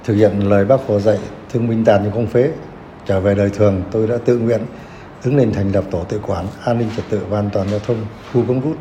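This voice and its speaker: A man's voice: fairly low pitch, fairly even intonation, a little fast, warm tone, a little hiss or hum. An older man, a veteran team leader, giving a prepared statement for a local news report. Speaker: war veteran, self-management team leader.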